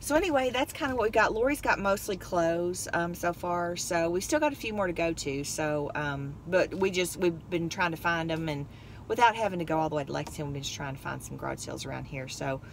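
A woman with a lowish, gravelly voice talks a little fast, chatting and rambling about her finds from inside a car, laughing often. She's a vlogger doing a casual haul chat, first parked and then driving. A phone on the dashboard picks up the noisy car interior.

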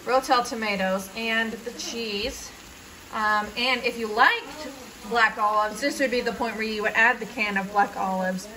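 Young woman filming herself cooking in her kitchen, kinda high voice, chatty, lots of ums, faint hum behind. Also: low-quality recording. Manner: chatty, relaxed, many fillers. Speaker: home cook host. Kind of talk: casual cooking vlog narration. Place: home kitchen.

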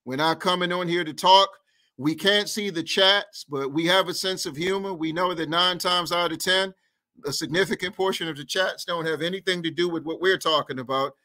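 A guest activist, a middle-aged man, turns an interview into an impassioned political speech, talking at normal speed through a headset mic from a room at home over video call. High in his range, he sounds bright and forceful. His rhythmic, repetitive delivery builds phrase on phrase like a crowd-rousing orator.

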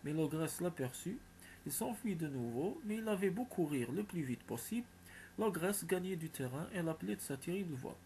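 A man narrating a folk tale with a steady, expressive reading. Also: on the high side, normal speed, slight background noise. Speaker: storyteller.

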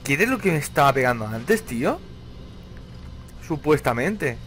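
A man's voice: mid-range voice, very animated, moderate pace, a bit bright, soft background music. A young man with a Spain Spanish accent doing let's-play commentary on a horror game, jumpy, swearing and talking back at the screen. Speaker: gaming channel host.

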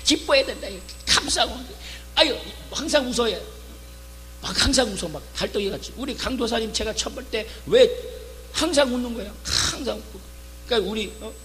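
A middle-aged male pastor preaching a revival sermon, fervent, calling out for amens and shouting his key lines. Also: very high voice, animated, fairly quick, soft background music. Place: church hall. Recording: reverberant church hall with faint hum.

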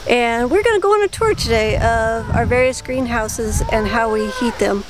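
A woman's voice: a little high, moderate pace. A middle-aged woman farmer explaining things plainly as she leads a tour through her greenhouses. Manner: plain, practical explaining with fillers. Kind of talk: casual guided tour. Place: inside greenhouses on a farm. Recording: noisy outdoor-style background.

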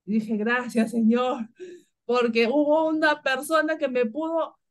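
A woman's voice: sits high, normal speed. Peruvian woman chatting about gratitude. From Peru. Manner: warm, spontaneous storytelling with frequent laughs. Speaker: spiritual guide guest. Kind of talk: casual spiritual chat.

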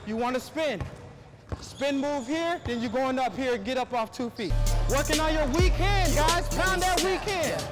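A man's voice: very high-pitched, lively intonation, moderate pace. A man coaching a basketball drill, calling out short encouraging commands. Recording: distant voice over loud music.

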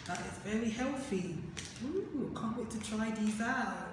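Hoarse-voiced female vlogger, slow and unhurried delivery, echoey room with long reverb. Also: a little high, noisy background. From London. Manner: excited cooing, frequent "ooh". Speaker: beauty vlogger. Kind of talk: casual unboxing vlog.

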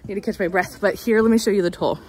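A woman's voice: mid-range voice, fast, over music. A young woman vlogging casually to a handheld camera, chatty and bubbly, saying "like" a lot. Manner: chatty and bubbly, heavy use of "like". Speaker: travel vlogger. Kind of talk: casual vlog chat to camera.

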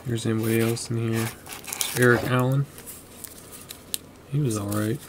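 A man's voice: mid-range voice, fairly even intonation, moderate pace. Man muttering names over a noisy recording. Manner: chatty, muttering names as he flips through cards. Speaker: card collector vlogger. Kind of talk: casual narration while sorting cards. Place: desk at home, indoors.

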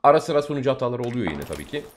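A man's voice: medium pitch, big pitch swings, very fast, a little hiss or hum. A young man hosting a gaming video, bantering with a friend and talking to his viewers as they play. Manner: joking banter, addressing viewers. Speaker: gaming channel host. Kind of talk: casual gameplay chat with a friend.

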